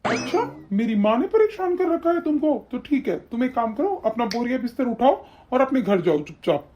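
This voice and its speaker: A woman voicing a hot-tempered young husband and son in an animated story, harsh and commanding. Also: fairly high pitch, normal speed, muffled recording, close to an everyday voice. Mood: furious.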